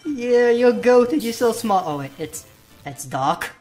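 A woman voicing Bluey, an excitable young girl puppy, narrating a game with shrieks and silly boasting. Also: on the high side, takes it slowly. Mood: excitable scared. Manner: jumpy, shrieks when scared, silly boasting. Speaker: gamer narrating play. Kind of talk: voiced Roblox let's-play. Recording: game music underneath.

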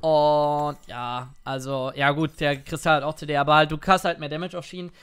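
Bright high-voiced gamer commentating. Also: male voice, brisk, clean tone. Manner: excitable, playful, jumps to shouts. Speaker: gaming streamer. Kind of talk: let's play commentary. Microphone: headset or desk mic.

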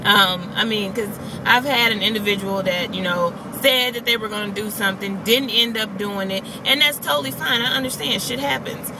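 A woman's voice: mid-range voice, normal speed, hardly any pauses. Woman, 30s, car vlogger, casual and emphatic rant, phone mic on the dash, noisy background. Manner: chatty, emphatic, talks with her hands. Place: parked car, daytime. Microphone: phone camera on the dashboard. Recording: phone audio in a car with noticeable background noise.

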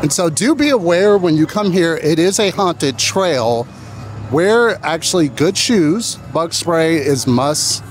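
Higher-voiced man hosting a casual vlog. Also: lively intonation, slow pace, faint music behind. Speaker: vlog host. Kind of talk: casual event vlog narration and chat. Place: outdoors at a haunted attraction at night.

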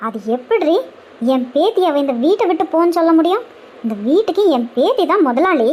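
A woman's voice: very high voice, lively intonation, brisk, a little mellow. A woman voicing a fierce, bossy old grandmother who scolds indignantly in a cartoon.

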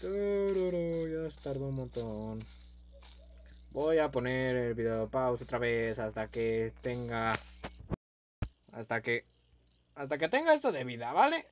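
A young man giving playful, goofy let's-play commentary, breaking into sudden yells and silly meowing. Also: medium pitch, expressive, unhurried, pauses often, lo-fi sound, slight background noise. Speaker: gaming youtuber.

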